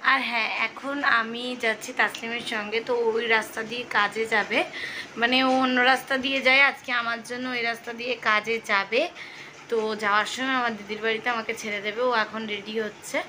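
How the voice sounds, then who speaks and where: A woman's voice: on the high side, steady tone, brisk, sharp tone, a little hiss or hum. A young woman chatting casually to her viewers in a daily home vlog, filmed on a phone. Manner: chatty, addresses viewers directly. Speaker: vlogger. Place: at home indoors. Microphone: phone camera held by hand.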